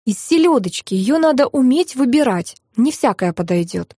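A woman's voice: fairly high pitch, expressive, normal speed, warm tone, husky, dry recording, clean studio sound. A woman voicing a fussy, gushing middle-aged hostess who talks in sugary pet words. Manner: sugary, breathless, full of pet-form words.

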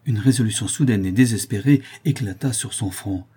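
A man narrating a novel as an audiobook in a measured, dramatic reading style. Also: lowish voice, dark tone, slightly rough. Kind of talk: scripted narration.

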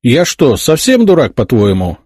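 A man's voice: mid-range voice, wildly swooping pitch, normal speed, darkish tone, breathy edge, no echo, clean studio sound, pitched above the performer's own voice. A man voicing a stubborn, fierce boy warrior who talks back defiantly. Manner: defiant, insistent.

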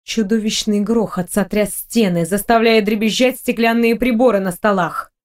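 A woman narrating an audiobook in an even, measured way. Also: mid-range voice. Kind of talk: scripted narration.

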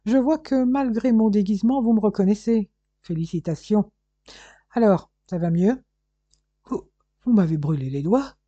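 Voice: medium pitch, moderate pace, pauses often, warm tone, no echo, pitched above the performer's own voice, natural voice. A reader voicing a stubborn, sardonic male police inspector who grumbles and mocks, in a storybook reading. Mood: mocking. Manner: gruff, grumbling, mocking. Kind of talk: audiobook character reading. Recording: dull, dry lo-fi recording.

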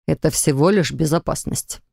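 A woman putting on a stern, gravelly husband. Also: dark tone, no room sound, clean studio sound, heavily acted. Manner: cool, clipped, low and unhurried. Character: domineering jealous husband, calm and stern. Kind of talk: audiobook narration.

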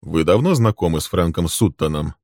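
A man voicing a composed man who speaks slowly and evenly. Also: low-pitched, lively intonation, darkish tone, no echo, studio quality. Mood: cool. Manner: slow, level, measured. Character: calm, composed man, coolly threatening.

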